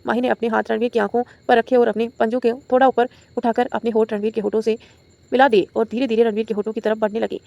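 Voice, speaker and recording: A woman reading a romantic audio novel aloud as the channel's storyteller, in a brisk, steady voice. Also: a little high, gravelly, dry recording, lo-fi sound.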